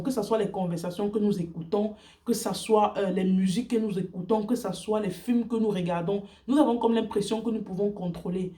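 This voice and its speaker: Speaking from far from the microphone in a mellow, medium-pitched voice, an English-speaking woman shares her faith in earnest, halting French on a casual vlog, with frequent fillers and restarts.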